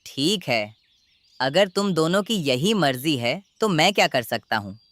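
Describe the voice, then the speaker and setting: A woman voicing a calm forest holy man in a children's cartoon story, gently admonishing. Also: low-pitched, a little slow, dry recording. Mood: reluctant advising.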